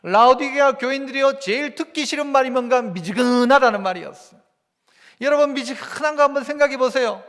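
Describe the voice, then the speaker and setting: Male pastor, Gyeongsang accent, high lively preaching voice, long church reverb. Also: a little fast. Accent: Gyeongsang Korean. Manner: animated preaching, rhetorical questions to the congregation. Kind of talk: sermon. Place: church sanctuary.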